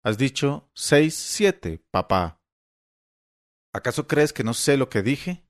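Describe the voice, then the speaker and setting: A man voicing an irritable eighty-year-old father who stumbles over words and turns sharp and shrill when annoyed, read aloud in an audiobook. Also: big pitch swings, dry recording, clean studio sound. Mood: testy. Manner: halting, testy, voice rising when irritated.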